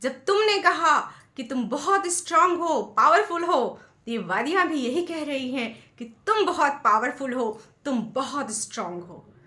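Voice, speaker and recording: A woman voicing a patient village father who explains things gently in a soft, calm voice. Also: high-pitched, unhurried, reverberant, heavily acted. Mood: gently wise.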